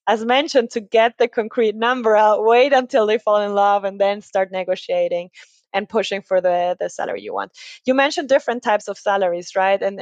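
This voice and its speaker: A woman's voice: mid-range voice, no room sound. Chatty woman, dry sound. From Ecuador. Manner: chatty, explains with many tag questions and fillers. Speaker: recruiting agency founder, podcast guest. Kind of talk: conversational podcast interview.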